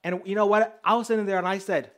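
A man preaching a sermon, telling testimony stories in a lively, conversational way and speaking straight to the congregation. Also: high-pitched, fast talker. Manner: lively storyteller, acting out dialogue; conversational, addresses the congregation directly.

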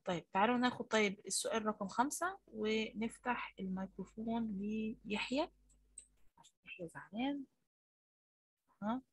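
Egyptian teacher lady on an online class, husky, patient and coaxing with kids, dry sound. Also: a little high, normal speed, long pauses, no room sound. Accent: Egyptian Arabic. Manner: patient, coaxing, praising pupils. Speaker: primary school teacher.

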